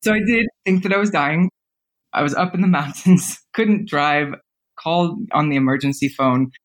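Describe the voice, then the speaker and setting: A woman in her thirties appears as a podcast guest, casually telling personal stories in a low voice at a moderate pace. She uses lots of fillers and laughs frequently.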